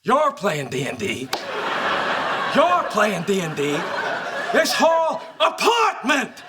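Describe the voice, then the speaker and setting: An actor playing an excitable nerdy game master who puts on impressions with theatrical, drawn-out delivery in a sitcom. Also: male voice, high voice, very noisy, exaggerated voice. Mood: mock intense. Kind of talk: sitcom acting. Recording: loud music and laughter over clip.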